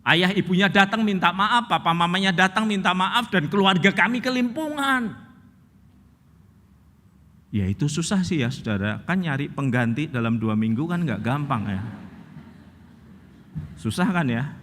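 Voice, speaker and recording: A male pastor preaching a sermon as a humorous, animated storyteller. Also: sits high, unhurried, pauses often, in a large hall, a little hiss or hum.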